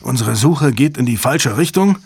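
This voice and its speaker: A man reading an excitable male systems chief under pressure, agitated and exclamatory. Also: medium pitch, moderate pace, breathy edge, no echo, pitched above the performer's own voice. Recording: dry close studio sound.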